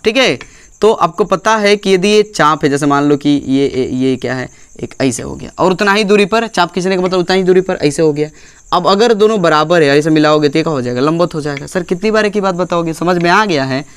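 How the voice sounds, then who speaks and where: A man's voice: fairly high pitch, clean tone, no echo. A male physics teacher giving a classroom lecture, repeating phrases and checking often whether the class follows.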